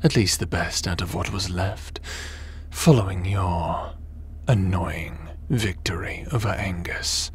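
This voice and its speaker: In an audio roleplay, a man voices a smug, ruthless crime boss and sci-fi villain, taunting and theatrical with a deliberate delivery. He commits to a full character voice that is low and slightly rough.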